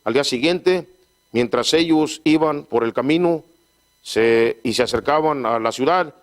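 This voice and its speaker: A man preaching a sermon who keeps asking his congregation for agreement and stumbles and repeats words as he reads scripture aloud. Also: medium pitch. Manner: call-and-response, frequent "¿verdad?"; halting, repeats words while reading scripture. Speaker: pastor.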